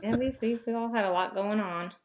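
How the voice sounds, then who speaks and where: A woman's voice: mid-range voice, brisk, highs cut off. A woman co-hosting a casual podcast over a video call, joking and laughing often. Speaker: podcast co-host.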